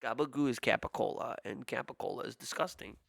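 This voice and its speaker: Gravelly-voiced profane streamer. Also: male voice, mid-range voice, fast talker, fairly bright tone. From Italian American. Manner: profane, self-mocking, acts out quotes in voices. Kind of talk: casual ranting monologue.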